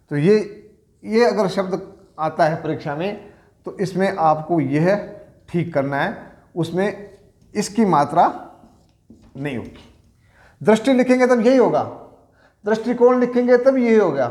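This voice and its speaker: A man's voice: fairly high pitch, a little mellow. A middle-aged man from Rajasthan teaching a Hindi spelling lesson for exam preparation, patiently explaining and answering his own questions. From Rajasthan, India.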